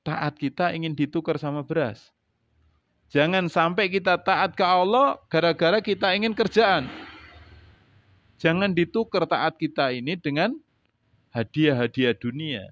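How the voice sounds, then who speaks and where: A man preaching with an East Javanese accent, switching between loud, emphatic lines and quiet asides while he quizzes his listeners. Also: a little high, a little slow, long pauses, no room sound. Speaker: preacher teaching a religious book. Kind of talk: sermon. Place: mosque or prayer hall gathering. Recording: dull lo-fi sound.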